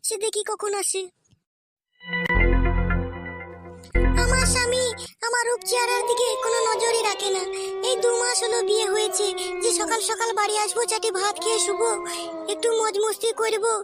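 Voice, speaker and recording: A woman voicing a lonely, pleading young newlywed wife who coaxes her husband in a whiny, drawn-out voice. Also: very high-pitched. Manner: whiny, coaxing, drawn-out pleas. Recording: loud background music.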